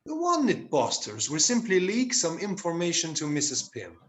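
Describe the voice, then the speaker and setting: A man's voice: fairly high pitch, wildly swooping pitch, normal speed, fairly bright tone. A man reading the part of a hesitant, stammering set builder in a village drama group. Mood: wry. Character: hesitant married man who builds the sets. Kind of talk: amateur play reading. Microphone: video call.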